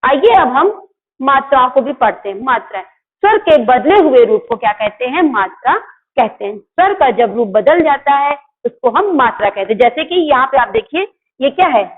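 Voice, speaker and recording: A woman with a high voice teaching Hindi grammar to children in an online class. She poses questions to the class and answers them herself, and she corrects her own slips as she goes. The audio is tinny, like a phone line. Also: sing-song, normal speed. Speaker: school teacher.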